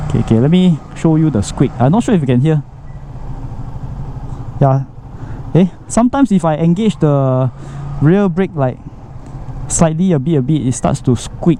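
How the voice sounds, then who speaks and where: A Singaporean man chatting casually as a motovlogger, rambling colloquially with local particles and exclamations, his voice muffled inside a helmet. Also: on the high side. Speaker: motorcycle vlogger. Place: outdoors, riding a motorcycle inside a helmet. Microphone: microphone inside a motorcycle helmet. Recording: muffled helmet mic, road and engine noise. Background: traffic and vehicle noise.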